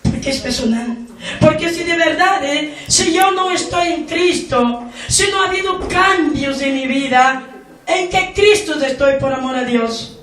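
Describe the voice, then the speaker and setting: Woman pastor, sermon, high voice, echoey church from far off. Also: a bit bright, slight background noise. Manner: slow emphatic preaching with call-and-response questions. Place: church hall.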